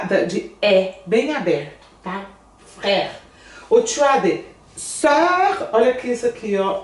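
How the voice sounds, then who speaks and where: A woman with a Brazilian Portuguese accent who teaches French, explaining in a chatty, animated way and often asking "né?". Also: on the high side. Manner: chatty, animated, asks "né?" a lot. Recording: echoey room, somewhat distant mic.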